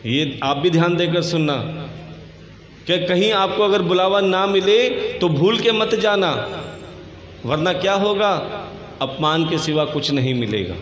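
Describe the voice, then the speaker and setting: A male religious storyteller giving a devotional sermon at a village gathering, fervent and addressing listeners as dear ones over a PA microphone. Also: high voice. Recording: echoey hall with long reverb.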